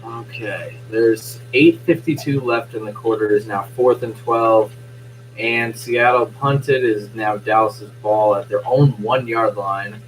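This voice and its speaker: Losing his voice, a young man calls casual live-stream sports commentary from home at night, speaking softly in a quiet, subdued way. His hoarse, lowish voice holds a steady tone and measured pace. The recording is rough, with a faint hum behind him.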